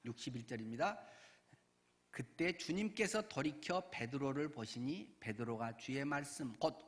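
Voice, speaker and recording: A male pastor giving a sermon, telling the story in a lively way and acting out the voices of the people in it. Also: mid-range voice, moderate pace. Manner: animated storytelling, acts out voices.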